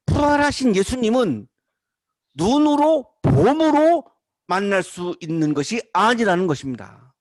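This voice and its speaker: High-voiced, animated male preacher. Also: unhurried, dry recording. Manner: repetitive rhetorical questions, emphatic preaching. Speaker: pastor. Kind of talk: sermon.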